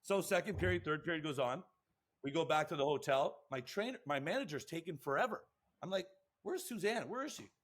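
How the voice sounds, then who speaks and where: Excitable man telling stories. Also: a little high, fairly quick. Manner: rambling, excitable, swears, acts out quotes. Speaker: podcast co-host and lacrosse coach. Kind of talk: animated storytelling.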